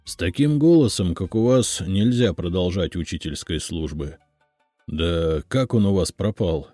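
A man reading an audiobook and voicing a fussy, self-important male school director who speaks loudly and fretfully. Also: low-pitched, animated, a little slow, no echo, faint music behind. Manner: loud, declamatory, fretful.

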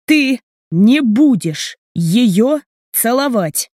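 A woman's voice: medium pitch, animated, moderate pace, no echo, clean studio sound, close to an everyday voice. A woman reading the lines of an agitated, jealous young man in an audiobook, heated and pleading.

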